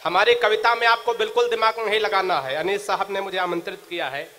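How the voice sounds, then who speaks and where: A man with a very high, bright, ringing voice cracks jokes at a crowd between lines of verse. He draws out his couplets slowly in a chanting recital style. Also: steady tone, slight background noise. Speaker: comic poet. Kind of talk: stand-up comic poetry at a live recital.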